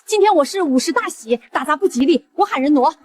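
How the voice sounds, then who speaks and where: A woman's voice: high-pitched, lively intonation, quick pace. An actress in her fifties playing a pushy village mother who nags and scolds. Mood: flustered. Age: 50s. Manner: nagging, scolding. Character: shrill, pushy middle-aged village mother. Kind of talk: short drama acting.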